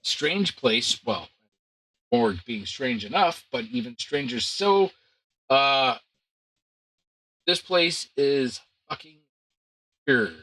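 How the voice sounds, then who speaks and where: A man acting as game master, recapping a tabletop adventure with relaxed, filler-heavy banter. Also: mid-range voice, slow, pauses often, husky, no room sound, rough recording.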